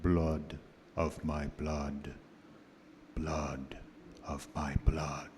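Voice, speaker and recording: An actor playing a menacing, taunting vampire count in a grandiose, threatening manner for a radio horror play. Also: male voice, extremely low pitch, level tone, extremely slow, heavily acted. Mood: hushed, possessive. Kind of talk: live radio horror drama acting. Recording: long hall reverb, faint noise.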